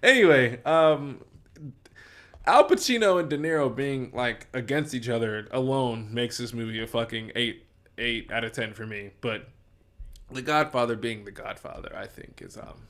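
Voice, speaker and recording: A man's voice: medium pitch, moderate pace, fairly bright tone. A man co-hosting a casual movie podcast, rambling and swearing freely as he weighs up films. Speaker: podcast co-host. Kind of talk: casual movie bracket chat.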